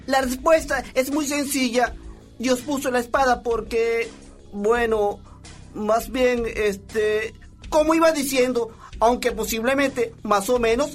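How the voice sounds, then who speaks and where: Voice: mid-range voice, steady tone, slow, soft background music, close to an everyday voice. An actor voicing a small, muddled cartoon know-it-all, pompous and dithering, in a children's audio adventure.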